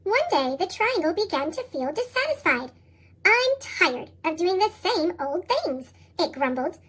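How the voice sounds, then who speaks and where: A storybook reader whose voice runs through a chipmunk effect, squeaky and sky-high. The reading hops up and down in a lively sing-song and bounces through rhyming verse. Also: measured pace, poor audio. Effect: sped-up, high chipmunk-style pitch shift. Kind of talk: reading picture books aloud.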